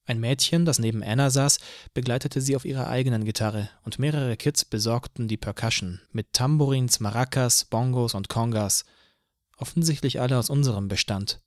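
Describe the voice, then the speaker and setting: Calm and measured, a man narrates an audiobook in the first person with a middle-pitched voice. The recording is dry and close-miked, with no room sound at all.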